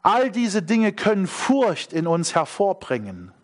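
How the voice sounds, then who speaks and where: A man's voice: high voice, wildly swooping pitch, measured pace. A middle-aged man preaching a sermon, emphatic, repeating key phrases and asking the congregation questions.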